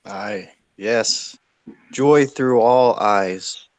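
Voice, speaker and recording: A man's voice: medium pitch, very slow, no echo. A man interviewing in a spiritual session, asking reverent questions in a hesitant, deferential way.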